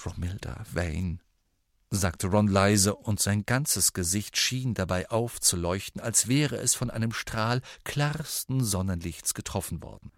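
A man narrating an audiobook in an expressive storytelling manner. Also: on the low side, measured pace, hardly any pauses, no echo, studio quality.

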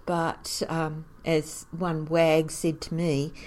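Lively woman telling local history. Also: deep voice, takes it slowly. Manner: animated storyteller, chuckles often. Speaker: caretaker of a historic cottage museum. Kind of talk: storytelling in an interview.

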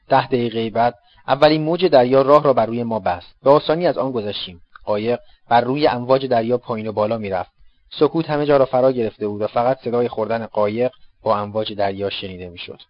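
A man narrating an audiobook in a steady, even reading voice. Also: mid-range voice. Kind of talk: scripted narration. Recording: dull lo-fi dry recording.

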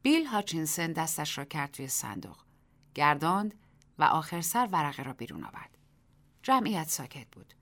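A woman reading a short story aloud as the narrator of a radio program, measured and expressive. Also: low voice.

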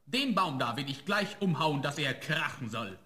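A man's voice: on the high side, expressive, moderate pace, bright, forceful tone. A young man playing a clever, cheeky student, firm with a spirit and polite to his father, in a fairy-tale radio play. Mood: coaxing. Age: young adult.

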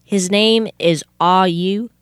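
A young woman takes the role of a matter-of-fact male detective prone to exasperation, deadpanning his questions in a comic radio play from yesteryear. Her mid-range voice moves slowly, clean and echo-free, with only light acting.

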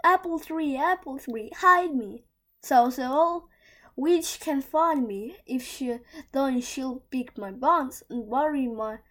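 A woman voicing a frightened little girl who begs to be hidden from a witch, in a soft, breathy voice. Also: high-pitched, takes it slowly, pitched above the performer's own voice, exaggerated voice. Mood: pleading.

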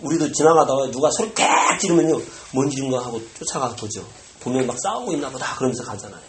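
A pastor delivering a sermon, animated and bursting into loud exclamations, recorded in a church sanctuary. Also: medium pitch, quick pace. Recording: echoey room with faint noise.

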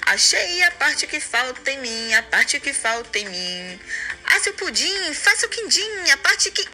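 An eager, wistful little storybook creature , acted out by a woman, searching and exclaiming in expressive singsong. The voice is very bright and fairly high, with music underneath. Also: measured pace, heavily acted. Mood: excited, triumphant. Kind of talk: storybook character voice.

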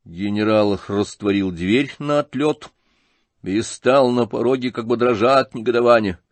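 A man reading a classic novel aloud as an audiobook narrator, with expressive storytelling. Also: mid-range voice, moderate pace, dry recording. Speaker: audiobook reader.

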